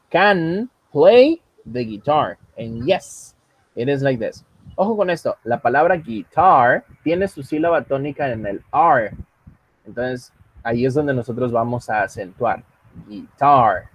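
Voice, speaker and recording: Husky male teacher on a video call, patient and joking with students. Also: mid-range voice, moderate pace, dull audio. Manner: patient, joking asides, switches between English and Spanish. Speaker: English teacher. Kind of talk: online class, bilingual teaching. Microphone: computer mic on a video call.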